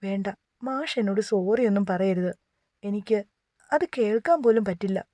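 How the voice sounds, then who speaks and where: A woman's voice: mid-range voice, moderate pace, mellow, no room sound, natural voice. A woman voicing a hurt young wife who speaks plaintively, close to tears, in a romance audiobook. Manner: plaintive, pouting.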